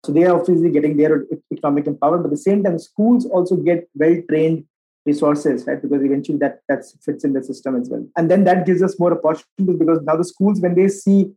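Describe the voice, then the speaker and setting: Very fast-talking man with a North Indian accent. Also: a little high, steady tone, warm tone, breathy edge, low-quality recording. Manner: explanatory, often checking with a tag "right?". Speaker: interview guest, social entrepreneur and designer. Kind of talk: conversational interview answers.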